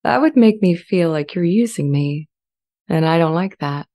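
This is a scripted, dramatized transcript reading by a woman cast as a sentient AI language model, female-voiced, earnest and gentle. She speaks in a measured way with a lowish, animated voice, sounding calm and inquiring. A large studio condenser with a pop filter sits close to her in an indoor home studio.

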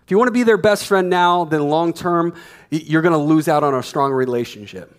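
Emphatic high-voiced pastor preaching. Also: male voice, fairly quick, clear, resonant tone. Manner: emphatic, repeats key phrases, walks the stage gesturing. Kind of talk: sermon. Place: church stage. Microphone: headset mic.

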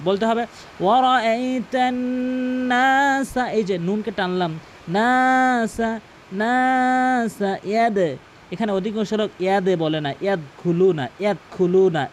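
A man teaching correct Quran recitation, explaining rules and repeating each word slowly and emphatically as a drill. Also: high-pitched, a little hiss or hum. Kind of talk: instructional explanation with slow recited examples.

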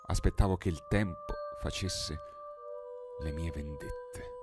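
Deep-voiced man reading a dark tale. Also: slow pace. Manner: impassioned, swelling to loud pleading in dialogue. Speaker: audiobook narrator. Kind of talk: dramatic audiobook reading of a 19th-century tale. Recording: studio narration over singing bowl music.

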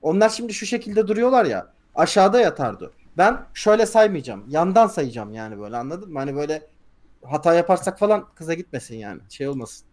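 Quick eager guy player, bit high voice, rattling off his plan at the table. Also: very animated, darkish tone. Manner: eager, talks fast, tells stories with acted voices. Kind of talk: casual tabletop role-play chat.

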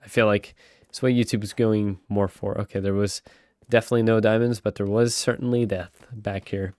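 Stuffy-nosed from a cold, a young man hosting a gaming channel rambles casually and chattily through his gameplay, with sudden excited outbursts. He speaks briskly in a lowish voice, with no echo.

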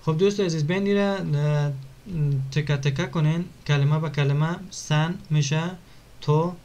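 A man teaching an online language lesson, repeating words slowly and clearly for pronunciation. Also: a little high, fairly even intonation, darkish tone.

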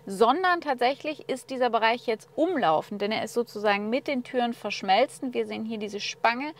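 A woman's voice: on the high side, moderate pace. A woman presenting a car walkthrough from inside the car, talking to viewers in a chatty, upbeat way. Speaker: car reviewer.

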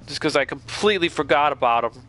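Lively, bright-voiced man streaming a horror game. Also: a little high, fast talker. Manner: jumpy, exclaims loudly when startled; chatty, talks to viewers. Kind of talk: live horror gameplay commentary.

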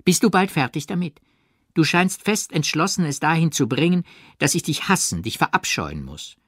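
An upset young woman in a storybook, defensive and exasperated, her voice pushed high and swinging wildly, as a male narrator puts her on. She bursts out evasively in a dry, close sound. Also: lively intonation, normal speed, dry recording.

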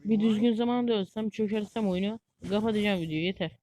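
A woman giving live gameplay commentary as a gaming YouTuber, excitable and easily frustrated, chatting to viewers like friends. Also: medium pitch, fast talker, soft background music.

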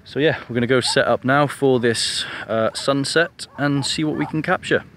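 A mid-range male voice at normal speed belongs to an English photography vlogger in his thirties, chatting to camera on an open beach at sunset in a relaxed, self-deprecating way. He holds the camera-mounted mic at arm's length, and faint outdoor noise can be heard.

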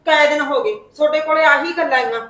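A combative aunt who talks back in a family drama, played by a woman. Her voice is very high, bright and quick. The sound rings in an echoey room. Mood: defiant. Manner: argumentative, talking back. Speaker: paternal aunt living in her brother's house.

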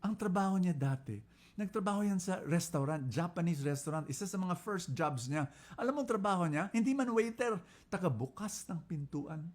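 A man with a Filipino accent giving an inspirational talk, telling stories with lively jumps in pitch and volume and switching between Filipino and English. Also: normal speed. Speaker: preacher.

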